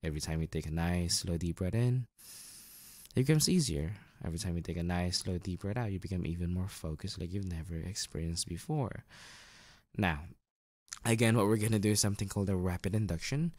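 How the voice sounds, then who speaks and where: A man guiding a listener through a hypnosis induction, giving slow, soothing instructions with casual asides. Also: lowish voice, no echo.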